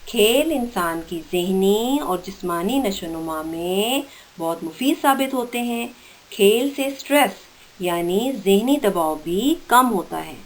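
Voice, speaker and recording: A woman's voice: medium pitch, animated. A woman teacher in an online school lesson, reading out vocabulary words one by one and explaining their meanings. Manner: reads vocabulary words then gives meanings; slow deliberate dictation pace.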